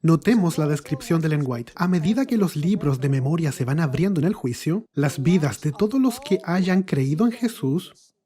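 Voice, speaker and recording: A man's voice: on the high side, dark tone. A male pastor preaching a sermon, asking the congregation questions and answering them himself.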